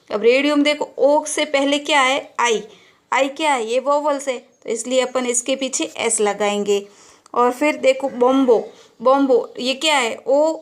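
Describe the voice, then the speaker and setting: A woman with a Rajasthani Hindi accent teaching a classroom grammar lesson, patiently asking questions and answering them herself. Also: high voice. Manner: patient, asks and answers her own questions. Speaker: school teacher.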